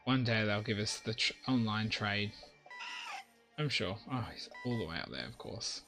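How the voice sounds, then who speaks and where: A man's voice: lowish voice, moderate pace, creaky, over music. Chatty man streaming a game. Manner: chatty, rambling, talks to viewers. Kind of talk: casual live-stream chat while playing.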